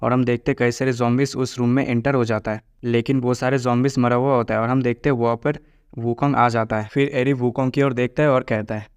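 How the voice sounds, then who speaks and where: A man tells a story recap in a steady, even-toned narrating voice. His voice is smooth and clear, with little rise and fall in pitch. The sound is dry and close, with no room echo. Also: fairly quick. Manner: flat, steady storytelling with quoted lines read plainly.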